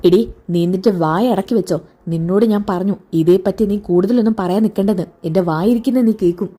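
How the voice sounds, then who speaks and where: A domineering elder woman who scolds and commands in harsh bursts, as a woman puts her on in a storybook retelling. Her tone stays mellow and soft underneath, at a middling pitch. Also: a little fast, breathy edge, close to an everyday voice. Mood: angry. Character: older woman, domineering angry elder sister-in-law.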